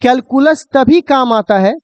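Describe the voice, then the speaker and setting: Male physics tutor with a very high voice, posing and answering his own questions, dry, dull lo-fi sound. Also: a little slow, darkish tone, smooth, no echo. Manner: addresses students fondly, asks and answers his own questions. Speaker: physics teacher. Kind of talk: classroom lecture to students.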